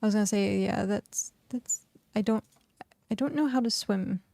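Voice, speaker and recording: A woman's voice: mid-range voice, moderate pace, creaky, mellow, dry recording, clean studio sound. A young woman game streamer chatting casually and rambling, with lots of "like", while she plays. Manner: rambling, chatty, heavy use of "like". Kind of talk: casual live-stream chat while gaming.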